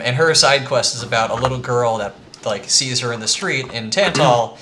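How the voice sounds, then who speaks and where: A man's voice: medium pitch, a little hiss or hum. A man giving a casual, rambling presentation to friends, with lots of ums. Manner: rambling with frequent ums, quietly earnest.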